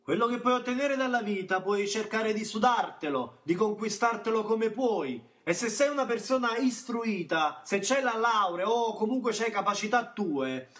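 A stage actor with a southern Italian, Campanian accent delivers a heated, insistent first-person monologue as a bitter, plain-spoken young man from a small Camorra town. His very high, slightly bright voice sounds far from the mic, full of colloquial speech and emphatic repetitions. Plucked guitar music plays behind him.

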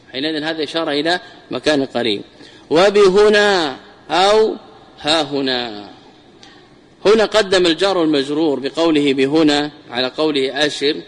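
A man's voice: on the high side, fairly bright tone, in a large hall. A man giving a classical grammar lesson, repeating key words and drawing them out for emphasis. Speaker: teacher of Arabic grammar.

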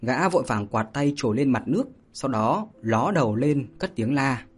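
A man reading a martial arts novel aloud as narrator, steady and unhurried, with small fillers. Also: mid-range voice, husky. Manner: steady storytelling with spoken fillers. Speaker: audiobook narrator. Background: faint music.

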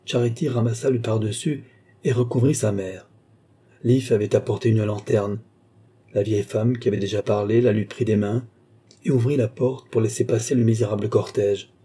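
A man narrating a literary novel in a steady, even reading. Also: on the low side, moderate pace, slightly rough. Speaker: audiobook narrator.

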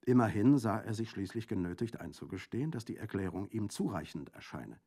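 A man narrating a classic novel as an audiobook reading in a measured, even manner. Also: lowish voice.

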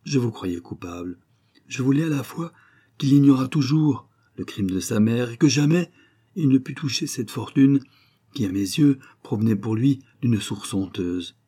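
A man's voice: mid-range voice, animated, moderate pace, dark tone, husky. Man reading as a dying old nobleman. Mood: remorseful. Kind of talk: audiobook reading.

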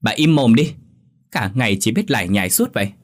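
A man voicing a rude, defiant young daughter who mocks and shouts insults at her parents, in a spoken horror story. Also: big pitch swings, brisk. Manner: shrill, mocking, shouting insults.

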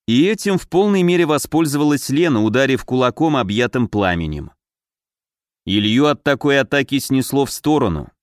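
Male audiobook narrator, mid pitch, dry close sound, steady reading. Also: smooth, no echo. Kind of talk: scripted fantasy narration.

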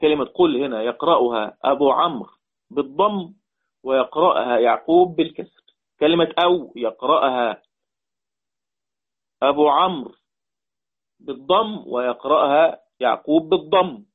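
A man's voice: on the high side, lively intonation, normal speed, pauses often, breathy edge. A man with an Egyptian Arabic accent teaching a Quran recitation lesson. He repeats points and quizzes his students. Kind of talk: online lesson explaining readings. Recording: tinny phone-like line.

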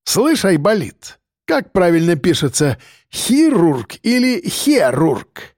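A man's voice: on the high side, animated, a little slow, dry recording. Brutal male convict ringleader voiced by a man, coarse and domineering; dry audiobook read. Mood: mocking. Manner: coarse, barking slang threats.

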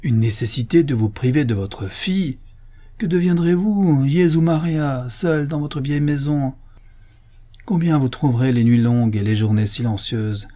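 A man's voice: mid-range voice, normal speed, mellow, pitched above the performer's own voice, lightly acted. A man reading as an earnest young Corsican. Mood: pleading. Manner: earnest, pleading.

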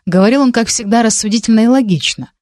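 A woman's voice: a little high, fast talker, a little mellow, no echo, clean studio sound. Woman narrating a fantasy story. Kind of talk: audiobook narration.

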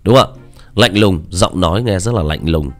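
A man's voice: low voice, moderate pace, faint music behind. A man, a story narrator, chatting casually about his voice acting, hesitant with many fillers. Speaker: audiobook narrator.

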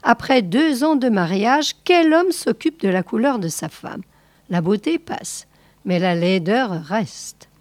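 A woman reading a classic novel aloud in a measured literary style, sometimes softly breathy. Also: fairly high pitch, lively intonation, no echo. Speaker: audiobook reader.

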